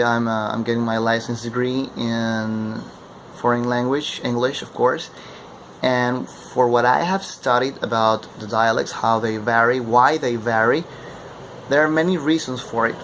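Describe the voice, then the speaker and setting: A man's voice: medium pitch, normal speed. Young man. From Ecuador. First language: Spanish. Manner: keeps checking in with a questioning "okay?". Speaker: language student presenting. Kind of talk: explanatory class presentation. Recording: steady air-conditioning hum behind.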